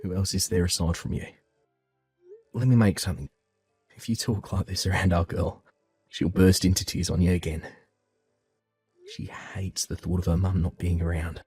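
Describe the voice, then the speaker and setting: A man calmly telling his own family story in the first person and voicing his part of the dialogue with reassuring warmth. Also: low voice, normal speed, long pauses, slightly rough, faint music behind. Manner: calm, reassuring, heartfelt.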